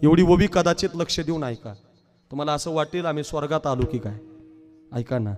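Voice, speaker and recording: A man giving a devotional sermon, telling stories in a shifting voice from quiet asides to loud calls and breaking into slow song. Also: on the high side. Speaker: kirtan preacher. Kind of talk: devotional sermon with sung verses. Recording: long hall reverb, faint music.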